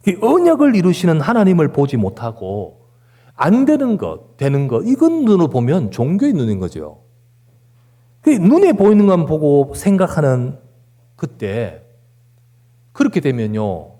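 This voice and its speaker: A man's voice: fairly high pitch, mellow, husky. A man preaching a sermon as pastor, emphatic, with rhetorical questions and repeated words. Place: church sanctuary.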